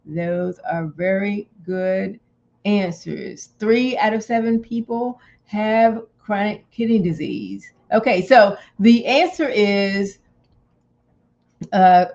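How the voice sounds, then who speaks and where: A woman's voice: mid-range voice, takes it slowly, darkish tone. Chatty rambling woman on a lo-fi stream. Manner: chatty, rambling, restarts often, laughs easily. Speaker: health channel host. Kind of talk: casual live-stream health talk.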